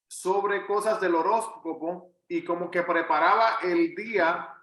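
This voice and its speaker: With a high, bright, and forceful voice, a Puerto Rican pastor with a Puerto Rican Spanish accent guides a Bible study conversationally, earnestly stressing points by repeating phrases. The low-quality recording was made in an echoey room.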